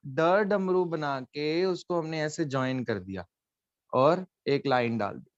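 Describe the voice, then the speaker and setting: A man's voice: a little high, a little slow, no echo, muffled recording. A man teaching a live online class, explaining letters patiently and coaxing students, dropping in English phrases.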